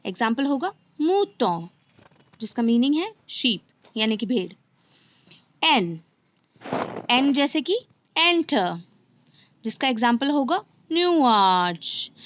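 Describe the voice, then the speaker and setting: A woman teaches slowly and patiently, repeating each letter and asking rhetorical questions as she goes. Her voice sits a little high. The recording is slightly muffled and lo-fi. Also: slight background noise. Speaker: language teacher. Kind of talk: slow step-by-step lesson.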